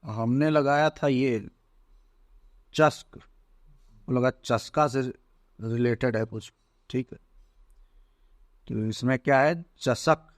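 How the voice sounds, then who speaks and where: A man teaching as he goes through an exam paper, slow and deliberate, often checking in with "theek hai". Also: mid-range voice, no room sound, clean studio sound. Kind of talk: exam paper walkthrough lesson.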